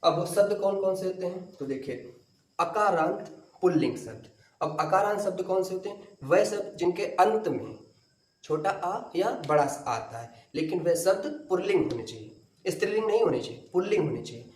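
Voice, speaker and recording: A man's voice: high voice, lively intonation, normal speed, a little mellow. A male teacher lecturing a class step by step, asking questions and then answering them himself. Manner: explains step by step, asks and answers own questions. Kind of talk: classroom lecture to exam students. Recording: roomy echo, from far off.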